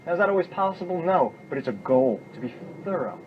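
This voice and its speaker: A university lecturer with a slightly high voice and lively intonation talks at a quick pace. His classroom lecture is informal and emphatic, full of repetition and frequent checks of "right?". The recording is dull, lo-fi, and noisy, made in a classroom.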